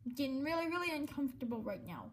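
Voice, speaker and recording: A woman's voice: high voice, very animated, very fast, slight background noise. A woman playing through a game and commenting playfully, reading on-screen lines in dramatic voices. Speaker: gamer.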